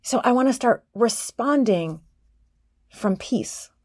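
A woman's voice: a little high, slow, dry recording. Earnest woman podcast coach, dry close sound. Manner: earnest and encouraging, rising to bursts of excitement. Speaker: podcast host and life coach. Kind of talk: motivational podcast talk. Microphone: podcast microphone.

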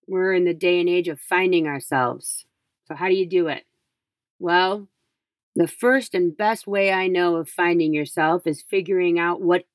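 Middle-aged woman, slightly low pitch, dry sound, emphatic motivational podcast monologue, conversational, repetitive for effect. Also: no room sound. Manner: emphatic, repeats phrases for effect, rhetorical questions. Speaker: podcast host.

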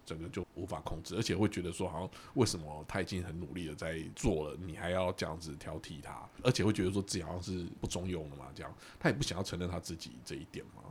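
A man co-hosting a podcast, telling a personal story in casual chat and acting out the quoted dialogue with lively energy. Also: low-pitched, fast, hardly any pauses, a little hiss or hum. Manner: animated storyteller who acts out quoted dialogue.

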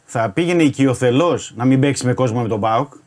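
Ένας άντρας αθλητικός ρεπόρτερ που εξιστορεί με τη σειρά τι έγινε, σε χαλαρή κουβέντα. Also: male voice, mid-range voice. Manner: steady, step-by-step recounting. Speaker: sports reporter. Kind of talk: casual sports chat.

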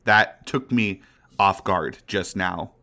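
A man's voice: low-pitched, slow pace, pushed and bright. A man who works as a game master, chatting casually on a podcast. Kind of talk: casual chat.

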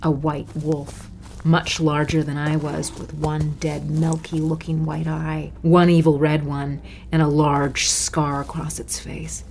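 A woman's voice: deep voice, completely flat delivery, slow, darkish tone, slight background noise. A woman playing a teenage girl turning into a raging werewolf, narrating a horror audio drama in first person with intense, swearing dread. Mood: vengeful.

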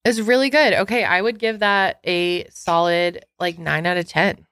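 A woman's voice: lowish voice, steady tone, moderate pace, fairly bright tone, smooth, dry recording. A young woman co-hosting a podcast, chatting casually and laughing easily. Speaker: podcast co-host. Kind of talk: casual chat.

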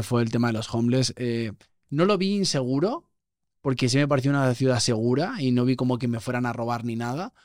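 A man with a medium-pitched, clear, resonant voice speaks in studio quality with no echo. He's a podcast guest chatting casually, an animated storyteller who acts out the voices of people he quotes.

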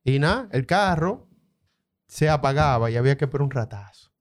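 A man's voice: mid-range voice, expressive, a little fast. A young man with a Dominican accent casually telling a story to friends, full of street slang.

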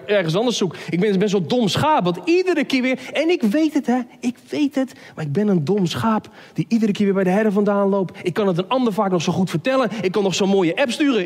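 A male preacher with a high voice delivers an impassioned sermon, rising to urgent pleas and dropping to near-whispers. He stumbles into repeated words as he searches for the next phrase. His voice rings out with a long hall reverb behind it. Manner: impassioned, swinging between loud pleas and hushed near-whispers; repeats words in stammered restarts.

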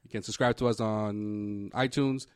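A man hosting a casual sports podcast in a relaxed, matter-of-fact way. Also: lowish voice, measured pace, clear, resonant tone, no room sound, clean studio sound. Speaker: podcast host.

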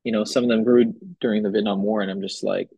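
Husky young man chatting loosely. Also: lowish voice, quick pace, dry recording, low-quality recording. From Hawaii. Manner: relaxed, loose, filler-heavy talk. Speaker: guest musician. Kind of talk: casual conversation.

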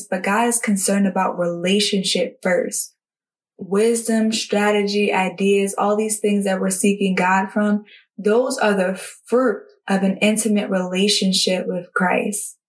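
An earnest woman hosts a devotional podcast and speaks to her listeners in a personal, heartfelt way. Her voice sits in a middle range and sounds a little distant from the mic. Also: medium pitch. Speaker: podcast host.

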